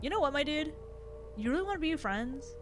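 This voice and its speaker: A woman's voice: high-pitched, expressive, fairly quick, pitched above the performer's own voice. Woman voices young alien streamer for a game: Valley Girl drawl, slangy, self-satisfied, music underneath. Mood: condescending.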